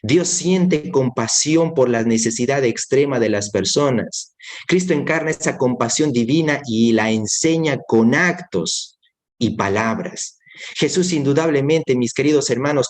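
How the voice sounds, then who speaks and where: A man delivers a sermon with steady, earnest conviction. He repeats his main points for emphasis and speaks straight to the listener as a fellow believer, in a voice of ordinary middle pitch. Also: a little slow. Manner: addresses listener directly as brother. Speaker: preacher.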